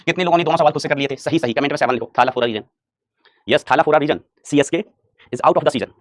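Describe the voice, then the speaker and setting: Brisk male teacher, slightly high voice, quizzing and coaxing students. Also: no echo, studio quality. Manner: addresses students as beta, repeats questions and answers himself; urges students on with rapid repetitions. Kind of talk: live online class.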